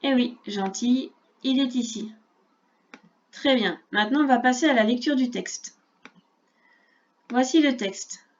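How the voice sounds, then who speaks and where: Speaking straight to a small child, a primary school teacher delivers a recorded reading lesson, her words slow and precisely pronounced. Her voice is slightly high and the audio sounds dull.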